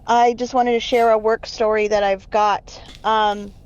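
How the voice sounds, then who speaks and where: A woman's voice: fairly high pitch, little pitch movement, measured pace, smooth. A woman calling in, telling a casual story over a phone line in a voicemail and laughing between sentences. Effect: over a phone line, left as a voicemail. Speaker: caller.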